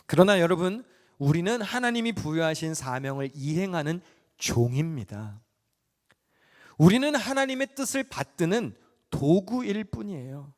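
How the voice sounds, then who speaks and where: A male pastor preaching a sermon in a church sanctuary. He stresses some phrases loudly and drops others to a hush. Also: high-pitched, sing-song, normal speed. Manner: emphatic, swinging between loud stresses and hushed asides. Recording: long church reverb with soft music behind.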